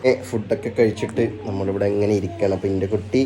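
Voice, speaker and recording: A man's voice: on the low side, flat delivery, fast, mellow, slight background noise. A young man from Kerala with a North Kerala Malayalam accent, chatting casually to viewers in a family vlog at home. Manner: chatty, addresses viewers as guys. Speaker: family vlogger.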